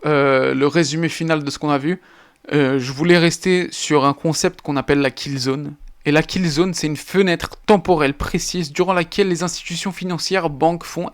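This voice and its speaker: Male channel host with a gravelly, fry-tinged voice, walking through charts in short, punchy phrases. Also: on the high side. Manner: clipped list-like phrases with casual interjections. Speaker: trading educator and channel host. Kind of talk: explaining trading charts.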